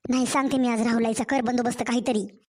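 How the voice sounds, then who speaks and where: A woman's voice: on the high side, steady tone, quick pace, warm tone, lightly acted. A woman voicing a harsh scolding mother-in-law. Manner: scolding, insulting. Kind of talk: cartoon story voice acting.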